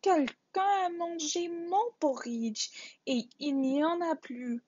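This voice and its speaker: A woman voicing a small, upset boy bear cub in a high, tearful voice for a storytime. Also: big pitch swings, takes it slowly, a little mellow, no room sound, exaggerated voice. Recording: dull lo-fi recording.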